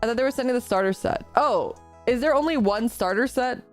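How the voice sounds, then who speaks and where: A woman with a slightly high voice talks fairly quickly on a live stream, with faint music behind her. She chats casually, reads her chat aloud, and rambles self-deprecatingly, sounding a little congested after being sick recently.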